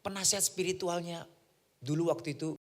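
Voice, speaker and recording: A pastor preaches a sermon, animatedly telling a personal story and acting out the voices of its characters. His voice is a little high and a little fast.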